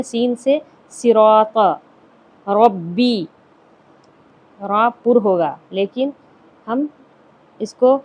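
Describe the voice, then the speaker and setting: A woman's voice: on the high side, lo-fi sound. A woman teaching a lesson on Quran recitation. She asks her listeners questions, answers them herself, and repeats the key points.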